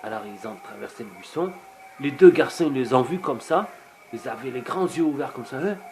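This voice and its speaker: A man narrating a bedtime story for children, improvising as he goes. He talks in a chatty way, repeating words and circling back, at an average pitch. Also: lively intonation, a little fast, darkish tone, slight background noise.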